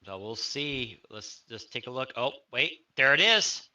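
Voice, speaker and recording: A man's voice: medium pitch, lively intonation, unhurried, bright, forceful tone. A man co-hosting live storm coverage, commenting on radar and giving urgent, clipped directions. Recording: dull, band-limited audio.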